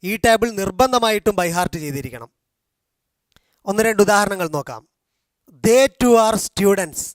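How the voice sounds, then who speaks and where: A man teaching a language class, slowly repeating and drilling grammar forms, with a Malayali accent. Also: high-pitched, animated, no echo, studio quality. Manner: slow, drilling repetition of forms. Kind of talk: explaining grammar in a video class.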